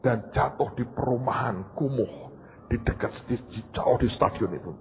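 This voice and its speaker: A male pastor tells a sermon story in an animated way, often turning to his listeners. His voice sits in a middle register. The recording is narrow and tinny, like a phone line. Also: medium pitch, normal speed. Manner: animated, addresses listeners as "saudara".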